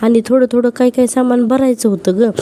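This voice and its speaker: A woman's voice: fairly high pitch, steady tone, fast talker, mellow, pitched above the performer's own voice, natural voice. A woman voicing a scheming middle-aged woman who theatrically pleads for money in a whiny, wheedling way.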